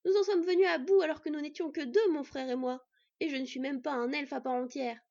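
A woman's voice: high voice, a little fast, creaky, a little mellow, voice pushed up. A woman voicing a hot-headed young half-elf man who talks in raised, indignant outbursts. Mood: angry. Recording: dull lo-fi, dry.

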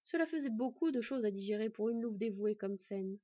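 A woman narrating a fantasy story in an even, measured reading. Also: fairly high pitch, dry recording. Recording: dull, dry recording.

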